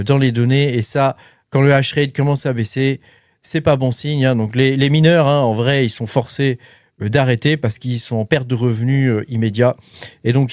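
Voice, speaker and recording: A man talks crypto news in a loose, chatty way, full of fillers and little asides to the listener. His voice sits in a middle pitch and is recorded close and dry, with no room sound. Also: a little mellow, no room sound. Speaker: crypto and mining channel host. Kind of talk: casual commentary to camera.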